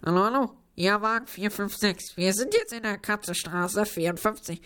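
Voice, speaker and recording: A woman's voice: mid-range voice, normal speed, a bit bright, clean tone, natural voice. A woman voicing a police officer making clipped radio calls in a children's audio story. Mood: official. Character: grumpy police officer calling over radio.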